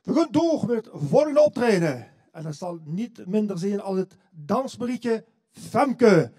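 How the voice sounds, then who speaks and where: A man's voice: high voice, sing-song, a little slow, dark tone. A man hosting a carnival session, announcing the next act on stage.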